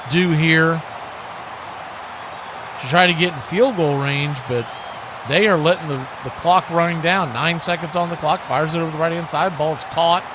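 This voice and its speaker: A man with a voice that sits high calls a football game live for a fan watch-party stream. Speaking conversationally, he mixes play calls with his own opinions. The stream audio is clearly noisy.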